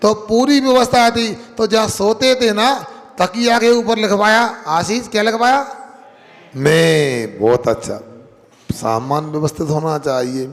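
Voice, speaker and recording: A man who is a monk giving a sermon, telling a story and quizzing his listeners with call-and-response questions, stretching out key words. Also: high-pitched. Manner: drawn-out emphatic words. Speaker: Jain monk preacher. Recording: long hall reverb.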